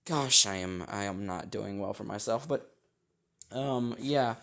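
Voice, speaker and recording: A young man with a sore, rough throat, casually telling a rambling story for his vlog, full of fillers and self-corrections. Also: fairly low pitch, measured pace, bright, forceful tone. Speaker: storytime vlogger.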